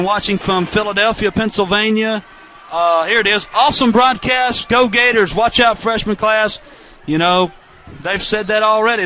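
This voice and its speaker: A man doing chatty play-by-play for a high school football game, reading out viewer shout-outs between plays. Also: a little hiss or hum. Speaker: play-by-play announcer.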